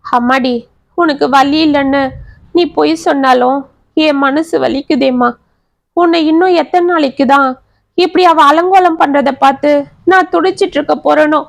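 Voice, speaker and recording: A woman's voice: high voice, moderate pace, creaky, no echo. A woman voicing a tender, grieving old father. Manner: tender, tearful.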